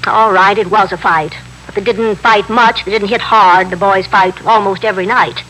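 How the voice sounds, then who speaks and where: In a 1950s radio drama, an actress voices a talkative, excitable middle-aged widow who runs a candy store, repeating herself in simple, slightly broken grammar. Her natural, mid-range female voice moves at normal speed, animated and insistent, on a noisy vintage broadcast recording.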